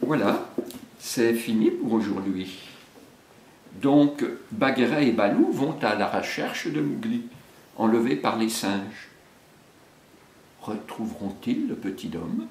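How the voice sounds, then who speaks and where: Un homme qui lit à voix haute une histoire pour enfants, lentement et avec expression. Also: male voice, mid-range voice. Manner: slow, expressive storybook reading. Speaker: storyteller for children. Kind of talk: reading a children's story aloud. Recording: echoey room.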